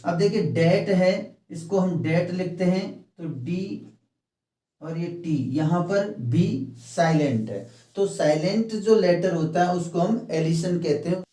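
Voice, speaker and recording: A man teaching a phonetics lesson, explaining each point slowly and step by step, slipping English terms into his talk. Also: high-pitched, darkish tone, recorded from a distance. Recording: echoey room, mic set back.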